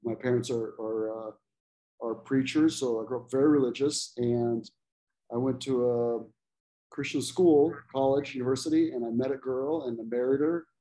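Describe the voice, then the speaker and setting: Guest: man, 40s, grew up in Ecuador, easygoing self-deprecating comic with an average-pitched voice. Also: steady tone, moderate pace, warm tone, rough recording. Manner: self-deprecating, laughs often. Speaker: comedian guest. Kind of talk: casual podcast chat.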